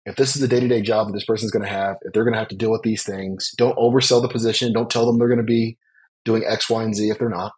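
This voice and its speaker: A man's voice: fairly low pitch, level tone, quick pace, darkish tone, husky, low-quality recording. A man speaking as a business leader guest on a podcast interview, earnest and reflective, stressing his points.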